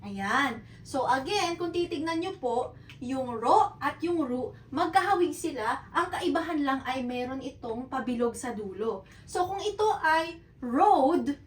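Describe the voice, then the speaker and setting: Teaching beginners in a blend of Tagalog and English, a woman who teaches Japanese uses a high, animated voice at a slightly slow pace. She repeats things patiently and keeps asking "okay?" to check on her learners. The audio is poor and roomy, taken from a distant mic with a little hiss or hum.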